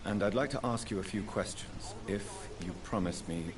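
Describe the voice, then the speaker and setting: An actor playing a composed male doctor investigator in a game, formal, measured and probing. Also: on the low side, lightly acted. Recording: noisy game audio.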